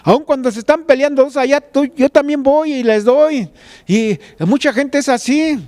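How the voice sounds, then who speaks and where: Preaching at normal speed in a very high-pitched, slightly mellow voice, a male pastor recounts a scripture story in a conversational way, addressing the listener directly with "tú."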